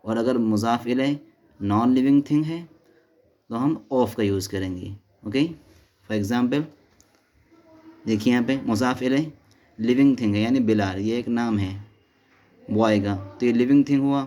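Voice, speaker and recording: Male teacher, slow deliberate delivery, walks through grammar with questions and answers. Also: medium pitch, mellow. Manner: explains step by step, asks and answers his own questions; mixes Hindi-Urdu with English and Arabic terms. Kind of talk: classroom lesson explanation.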